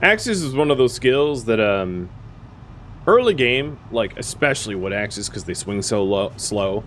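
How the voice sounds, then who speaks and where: Wry low-voiced man narrating gameplay. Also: big pitch swings, measured pace, a bit bright, a little hiss or hum. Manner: chatty, wry, thinks aloud with fillers. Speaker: gaming streamer. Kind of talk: casual gameplay commentary.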